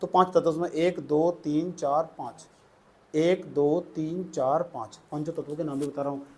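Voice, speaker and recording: A man with a high voice teaches a chemistry class. He repeats each phrase slowly for dictation and keeps checking with questions whether the students have understood. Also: fairly even intonation, warm tone. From India. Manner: repetitive, coaxing, asks students questions. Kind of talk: classroom lecture dictating notes.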